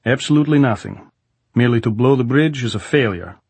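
A man's voice: medium pitch, a little fast, darkish tone, husky, no echo, voice pushed up. A man voicing a brusque, emphatic Soviet military general, exasperated with his orders, in an audiobook. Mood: stern, insistent. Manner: emphatic, stern military officer. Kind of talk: audiobook character voice.

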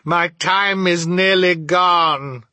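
A man voicing an anguished, remorseful male ghost in a theatrical storybook reading, wailing and solemn in a slow, declamatory way. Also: mid-range voice, lively intonation, a bit bright, dry recording, pitched above the performer's own voice.

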